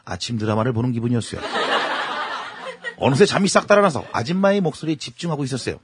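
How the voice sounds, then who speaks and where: A male radio host reading a listener's story aloud in a lively, comic way. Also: mid-range voice, fast talker, background noise.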